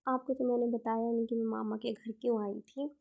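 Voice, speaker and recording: A woman's voice: on the high side, level tone, a little fast, creaky, narrow, tinny audio. A young woman narrating her family day as a casual vlog, telling it in a chatty, homely way. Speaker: vlogger.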